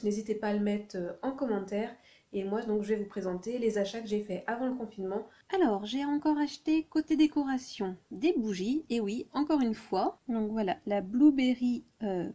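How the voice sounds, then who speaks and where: A woman's voice: on the high side, mellow. A woman chatting casually through a shopping haul video, full of hesitations and fillers. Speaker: YouTuber presenting a shopping haul.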